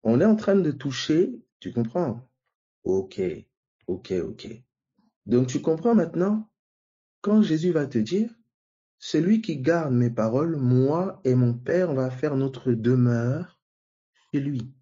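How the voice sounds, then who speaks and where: Male preacher, slow and repetitive, mellow tone, dull muffled recording. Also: medium pitch, very animated, slightly rough. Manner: slow, repeats and asks the listeners "vous voyez?" often. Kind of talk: sermon teaching.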